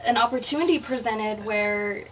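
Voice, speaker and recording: A woman in her twenties with a fairly high voice tells her story in an animated, joking way, as a singer guest on a casual podcast. She sits a little away from the mic, with a faint hiss of background noise behind her. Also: moderate pace, recorded from a distance. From United States. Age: 20s. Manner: animated storyteller, jokey, talks to viewers.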